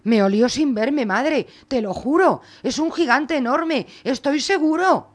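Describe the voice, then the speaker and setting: A woman voicing a naive, excitable young peasant boy in a storybook, talking high and eager. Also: a little slow. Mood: scared.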